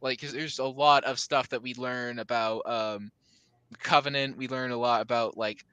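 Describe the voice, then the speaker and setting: A man's voice: mid-range voice, steady tone, normal speed, pushed and bright, clean tone, no echo, lo-fi sound. A man chatting casually in a book club discussion, rambling with lots of fillers and restarts.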